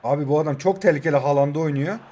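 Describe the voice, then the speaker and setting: High-voiced young man calling game plays. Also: very fast, warm tone. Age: 20s. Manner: jokey, talks to his players and viewers. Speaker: mobile football game YouTuber. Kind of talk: excited gameplay commentary.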